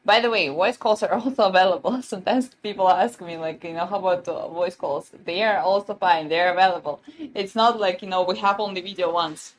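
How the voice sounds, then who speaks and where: A woman's voice: medium pitch, brisk, a little hiss or hum. Chatty giggly woman selling gadgets live. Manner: chatty, giggly, many fillers and restarts. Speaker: livestream seller. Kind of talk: casual live-stream product demo.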